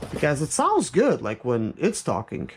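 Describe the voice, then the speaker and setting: A product reviewer with a slightly high voice tests an item hands-on, rambling casually and thinking aloud. His pitch swoops wildly, though his pace stays normal. Clicks and noise run through the recording.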